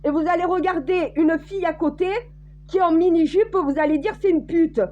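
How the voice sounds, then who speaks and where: A woman's voice: very high-pitched, brisk, mellow, highs cut off, slight background noise. A woman from France speaking blunt, crude and direct to her listeners in a casual monologue.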